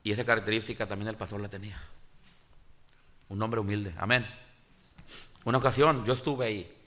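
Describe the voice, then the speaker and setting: A pastor, preaching a sermon in church, often pausing to restart and calling out "hermanos". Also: male voice, fairly low pitch, steady tone, pushed and bright. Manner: halting restarts and filler sounds. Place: church sanctuary.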